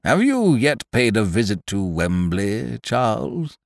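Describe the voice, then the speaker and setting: A stern older gentleman, as a man plays him in a storybook reading, with a low, heavy voice. He speaks slowly and formally, weighing each word. The sound is dry and close. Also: very animated, gravelly, no room sound, exaggerated voice. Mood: disapproving. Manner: slow, ponderous, formal. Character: stern pompous older male nerve doctor.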